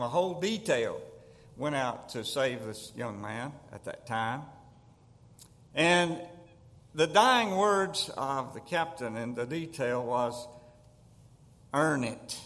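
A man's voice: on the high side, fairly bright tone. An older man with a Southern accent from Tennessee, preaching a folksy sermon as a guest pastor and telling humorous stories. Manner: storytelling, chuckles at his own jokes. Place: church sanctuary. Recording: long church hall reverb.

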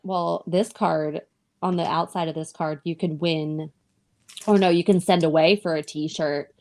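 A woman's voice: low-pitched, steady tone, unhurried, a little mellow. A woman co-hosting a podcast, chatting casually in an informal, slangy, exclamatory way. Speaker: podcast co-host. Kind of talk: casual chat.

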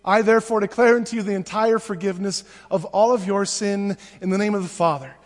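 High-voiced pastor at a pulpit microphone. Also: male voice, fairly even intonation. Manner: measured, solemn liturgical reading. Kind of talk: leading liturgical prayers. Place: church sanctuary. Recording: long church reverb.

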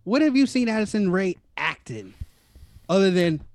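A man telling stories in a casual podcast chat, animated, swearing casually and laughing often. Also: sits high, moderate pace.

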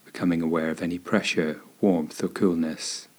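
A man with a low, husky voice guides a body scan meditation, offering gentle, soothing instructions. He keeps his intonation fairly even and lets unhurried pauses settle between phrases.

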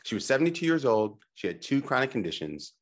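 A man's voice: mid-range voice, sing-song, fast talker. A middle-aged man giving a motivational slide presentation, emphatic and coaching, putting questions to the listener and checking in. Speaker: presenter and teacher on health technology.

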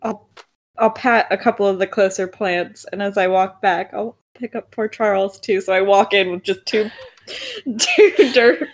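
Gentle woman role-playing a kind character. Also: mid-range voice, steady tone, moderate pace. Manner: soft, kind, reassuring. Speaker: player. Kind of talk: playing a tabletop game in character.

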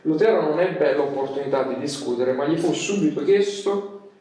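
A man's voice: fairly high pitch, normal speed, warm tone. A man preaching a sermon as a pastor, telling a story with many hesitations. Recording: echoey room from far off.

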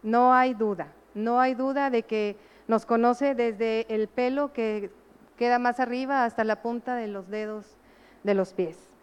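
Woman preacher, higher pitch, smooth and clear, earnest sermon delivery, echoey hall on a dull lo-fi recording. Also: steady tone, unhurried. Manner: earnest, asks the congregation rhetorical questions.

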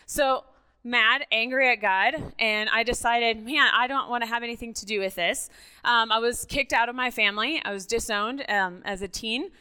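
Her voice a little high, with a clean tone and moderate pace, a middle-aged woman from Mexico gives her testimony at church as a guest speaker. She's a native Spanish speaker, conversational and animated, and frequently checks in with those listening.

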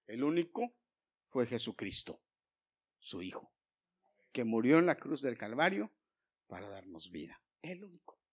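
A male pastor preaching a sermon, swinging from loud emphasis to hushed whispers and speaking straight to the congregation. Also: mid-range voice, very animated, unhurried, pauses often, breathy edge. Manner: addresses the congregation directly, asking for amens.

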